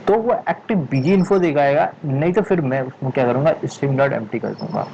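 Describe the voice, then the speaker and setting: Male coding tutor, casual and deliberate, thinks aloud, lo-fi recording with faint hiss. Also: medium pitch, vocal fry, mellow. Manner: thinks aloud, frustrated muttering "yaar", frequent "theek hai"; speaks slowly on purpose.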